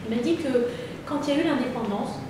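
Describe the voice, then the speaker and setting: A middle-aged woman speaks in a fairly high voice, earnest and halting, with frequent pauses and restarts. She sounds far from the mic in a very echoey room. Steady background noise runs underneath. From France. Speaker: interviewee. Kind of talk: personal testimony in conversation.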